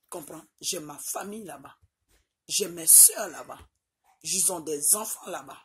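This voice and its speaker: Her voice is low and husky yet fairly bright, with a measured pace: a middle-aged Ivorian vlogger with an Ivorian French accent. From a small room, she addresses her phone camera at arm's length. She insists on each point, repeating it and asking "ok?" again and again.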